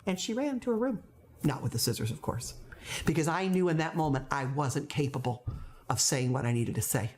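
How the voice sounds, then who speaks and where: A woman's voice: deep voice, animated, fairly quick, darkish tone. A woman in her fifties, a veteran teacher, giving classroom advice straight to camera, emphatic and repeating words for stress. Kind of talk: direct-to-camera teaching talk.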